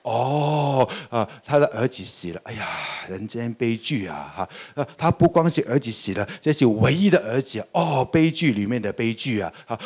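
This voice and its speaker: An older man, a pastor, preaching a sermon in a lively way, often asking the congregation questions and laughing. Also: mid-range voice.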